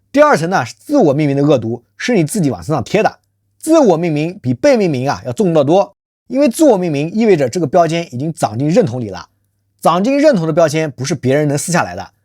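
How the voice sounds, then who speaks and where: A channel host delivers a scripted social commentary monologue in a mid-range, slightly mellow voice. It's rhetorical and emphatic, full of questions thrown at listeners, and the host refers to themselves by a nickname in the third person. The recording is dry and of studio quality.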